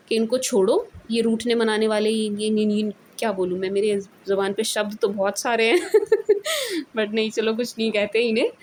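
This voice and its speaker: A woman's voice: a little high, a little hiss or hum. A woman with an Indian accent giving a casual, chatty tarot reading, mixing English words into her talk and often checking in with her listeners. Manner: chatty, mixes English into Hindi, repeats "theek hai ji". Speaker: tarot reader.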